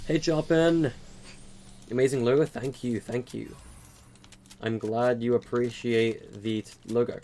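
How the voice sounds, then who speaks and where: In a mellow, medium-pitched voice with fairly even intonation, an eighteen-year-old man talks a little slowly and leaves long pauses. He's live-streaming a game, rambling loosely as he answers viewers, with many fillers and stutters.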